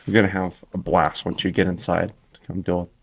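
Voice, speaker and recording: A man co-hosts a casual podcast chat, tossing in deadpan jokes. His voice sits very low. The recording is dry and close. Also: brisk, gravelly, no room sound.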